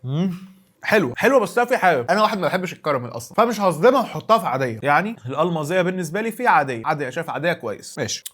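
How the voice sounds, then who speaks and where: This is a man with an Egyptian Arabic accent hosting a casual food review vlog. His voice sits high and his words tumble out at a breakneck pace. He exclaims and thinks aloud as he tastes. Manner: chatty, exclaiming, thinking aloud while tasting.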